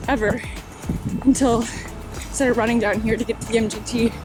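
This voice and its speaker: A woman's voice: a little high, fairly even intonation, a little fast. A woman chatting casually to her vlog while running, slightly out of breath. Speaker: running vlogger. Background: loud music.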